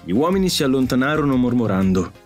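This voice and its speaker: A man narrating an audiobook story in an expressive, animated way. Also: medium pitch, fast. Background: faint music.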